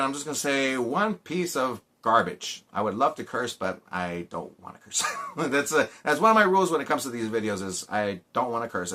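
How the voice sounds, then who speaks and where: Bright-voiced man ranting about a movie. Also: medium pitch. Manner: exasperated, repetitive, ranting. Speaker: movie reviewer, channel host. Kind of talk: casual video review rant.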